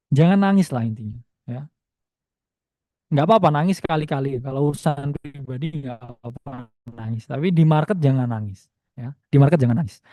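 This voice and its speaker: Dry, mellow-voiced man teaching a webinar. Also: fairly high pitch, dry recording. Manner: chatty, repeats "ya", mixes in English phrases. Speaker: crypto trading webinar presenter. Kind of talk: casual spoken webinar lesson.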